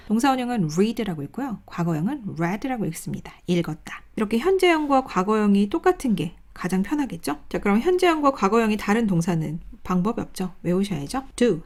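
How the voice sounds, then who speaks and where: A woman teaches English grammar in a recorded lesson, speaking. Her pitch moves a lot as she explains step by step. She reads vocabulary pairs slowly and clearly. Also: a little mellow. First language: Korean.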